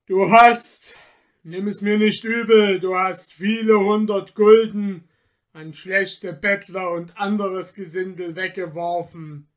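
Guy doing a big mocking forest spirit, loud and taunting, kinda high and slow. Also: fairly even intonation. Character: mocking giant male forest spirit, scornful. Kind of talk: dramatized storybook reading.

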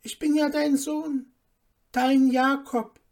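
A woman's voice: medium pitch, takes it slowly, dark tone, husky. A woman voicing a frightened, pleading young boy in a read-aloud fairy tale. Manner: pleading, anxious. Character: timid bewildered young boy turned dwarf. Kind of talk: storybook reading.

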